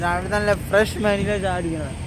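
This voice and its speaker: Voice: medium pitch, steady tone, brisk. A travel vlogger with a Kerala accent chatting casually to viewers in Malayalam mixed with frequent English words. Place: outdoors on roadsides during a bike trip. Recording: loud outdoor traffic and vehicle noise.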